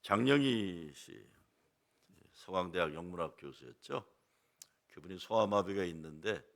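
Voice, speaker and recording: Older pastor with a gravelly, lively voice. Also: male voice, sits low. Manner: prods the congregation with rhetorical questions; lively preaching cadence. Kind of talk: Sunday sermon.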